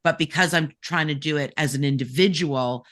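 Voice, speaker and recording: A man speaking as a panelist in a casual discussion, halting and restarting often as he explains. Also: a little high, sharp tone.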